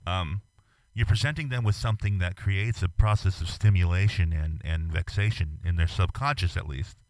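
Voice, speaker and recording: A man's voice: sits low, moderate pace, darkish tone, no echo. A man interviewing an artist over a call, speaking hesitantly with many ums as he thinks aloud. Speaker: magazine interviewer. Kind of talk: casual interview chat.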